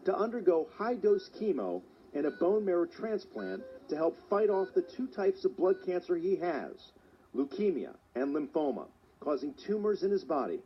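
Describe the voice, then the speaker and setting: A man reporting as a news journalist, narrating a scripted story in a measured way. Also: high voice, sing-song. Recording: dull lo-fi sound, faint hiss.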